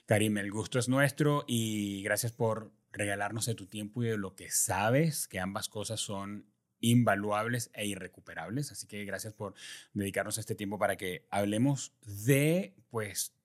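A man's voice: fairly low pitch, measured pace. A man hosting a podcast interview, introducing his guest in a polished, courteous way. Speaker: podcast host.

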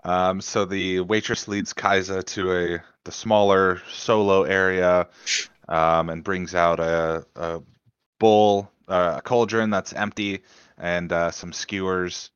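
A man narrating as game master on a voice call, halting and hedging with many fillers, over slightly muffled audio. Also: deep voice, little pitch movement, slight background noise.

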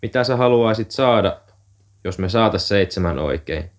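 A man's voice: fairly low pitch, animated. A man reading aloud, voicing a blunt, weary mother with a head cold and a stuffy, nasal voice. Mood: mocking. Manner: blunt, dismissive, wry.

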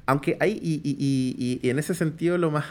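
A Chilean man chatting casually on a podcast about horror role-playing, pausing often with fillers and restarts. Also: on the high side. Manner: hesitant, many fillers and restarts. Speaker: podcast host discussing tabletop horror games.

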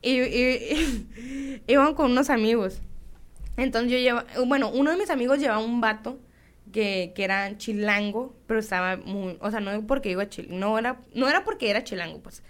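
A young woman from Sinaloa, Mexico, tells a story in casual, slangy chat with a Sinaloan Mexican Spanish accent. Her voice is fairly high and her speed normal, and she is animated, acting out the voices of people she quotes.

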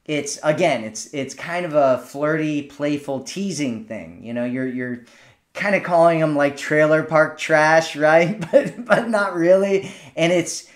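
A man hosting a podcast, giving relaxed dating advice straight to a female listener and often checking in with "right?". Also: a little high, a little slow. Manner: speaks directly to a female listener. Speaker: podcast host, dating coach. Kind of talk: casual advice monologue.

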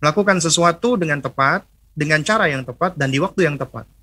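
A middle-aged man preaches a religious lecture on parenting in a bright, somewhat high voice. His tone is husky, and he teaches by asking questions and answering them himself, slipping into short lines of mother and child. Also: fast. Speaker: Islamic preacher.

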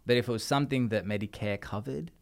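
A man's voice: medium pitch, fast, creaky. An Australian man chatting casually as a podcast guest, telling stories in a rambling way with many restarts. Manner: rambling, restarts, lively storytelling. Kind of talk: casual chat.

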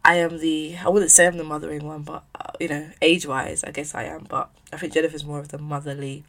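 Low, creaky-voiced young South East London woman. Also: little pitch movement, fast, a bit bright. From south-east London, England. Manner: chatty, candid, opinionated. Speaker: podcast host. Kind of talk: casual solo podcast chat. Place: at home.

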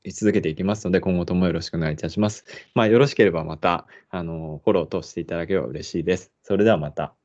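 Deep-voiced man hosting a language podcast. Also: darkish tone, lo-fi sound. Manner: unhurried reading; hesitant chat with many fillers. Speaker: podcast host. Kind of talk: reading sentences aloud, then casual chat.

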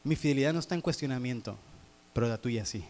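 A preacher speaking as God, hushed and low. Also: male voice, fast, natural voice. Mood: solemn. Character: God, calm, searching, fatherly male spirit.

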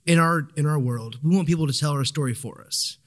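A man's voice: on the high side, brisk. A man speaking as a podcast guest in casual chat, easygoing and frank. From Oklahoma.

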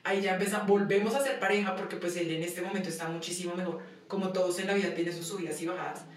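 Fast-talking woman telling stories. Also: mid-range voice. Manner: animated, acts out dialogue, laughs often. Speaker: guest. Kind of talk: casual personal storytelling. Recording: echoey room from far off, some noise.

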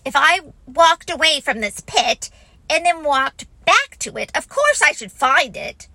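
A woman puts on a fussy male rabbit who talks in a high, brisk way, sure he knows best. Impatience creeps into every word of this storybook know-it-all. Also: sing-song, pushed and bright, no echo, full character voice, rough recording.

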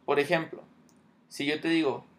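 A man's voice: on the high side, little pitch movement, normal speed, a bit bright. A man teaching English grammar, explaining patiently and checking in often.

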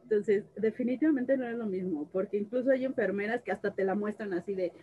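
A woman's voice: mid-range voice, fast, phone-quality sound, slight background noise. A woman, a tattoo artist chatting casually and acting out conversations as she tells stories. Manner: animated storyteller, acts out dialogue, laughs often. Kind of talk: casual chat.

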